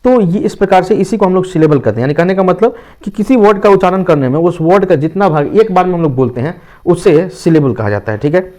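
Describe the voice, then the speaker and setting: Fast-talking Hindi-medium grammar teacher. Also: male voice, high-pitched, animated, a little mellow. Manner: explains step by step, repeats key terms, asks and answers own questions; fills with "thik hai na" tags. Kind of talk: online Hindi-medium lesson.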